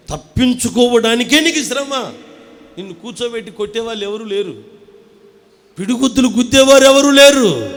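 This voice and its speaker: A pastor from Andhra Pradesh, India, preaching a fervent sermon in church. He calls on the congregation to answer, swinging between loud proclaiming and hushed storytelling. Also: sits high. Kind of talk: impassioned sermon.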